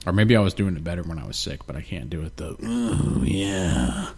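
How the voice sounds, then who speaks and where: In a low, husky voice, a man races through expressive, rambling, profane podcast chat while staying laid-back. He co-hosts the show close on a studio mic with headphones and sounds a little snotty and nasal.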